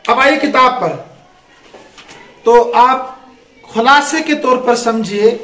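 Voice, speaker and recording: A man's voice: very high-pitched, sharp tone. A man teaching an Arabic grammar lesson to a class, asking questions and having the students finish his sentences. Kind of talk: classroom lesson with call and response. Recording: echoey room.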